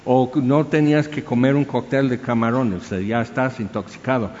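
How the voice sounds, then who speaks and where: A man preaches in an easy, conversational way and keeps firing rhetorical questions at his listeners. His voice sits at an ordinary pitch. The recording sounds muffled and a little lo-fi, with a long reverb trailing off the room. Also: fairly even intonation, normal speed, darkish tone. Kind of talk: sermon.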